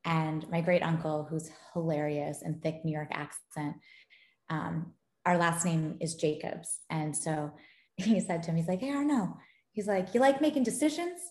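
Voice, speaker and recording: A woman's voice: low voice, unhurried. A woman guest on a podcast talking casually and animatedly about dating and gaming, laughing as she goes. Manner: animated storyteller, gets excited and laughs. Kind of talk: casual interview chat. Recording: echoey room.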